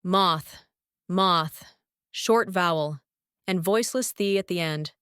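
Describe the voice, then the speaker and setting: A woman's voice: on the low side, moderate pace, clean tone, dry recording, studio quality. A woman with a Lithuanian accent teaching English pronunciation, saying each example word several times. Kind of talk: pronunciation lesson, repeating example words.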